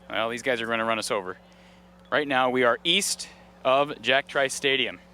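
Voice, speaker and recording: A man's voice: mid-range voice, bright, forceful tone, slight background noise. Upbeat man reporting live outdoors. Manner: upbeat, chatty, interviews passersby. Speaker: on-scene reporter. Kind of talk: live roving field report. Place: outdoor tailgate lot near a stadium.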